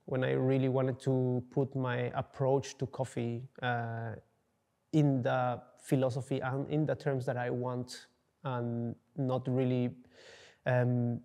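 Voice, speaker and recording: A man's voice: mid-range voice, dark tone. A young man from Peru, answering interview questions casually and searching for words with many fillers. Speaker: coffee entrepreneur, interviewee. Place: dark studio, indoors.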